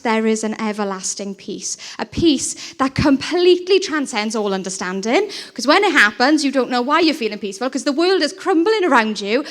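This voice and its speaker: Earnest woman giving an impassioned talk. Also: a little high. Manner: earnest, conversational, rising to impassioned emphasis. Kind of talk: informal evangelistic talk.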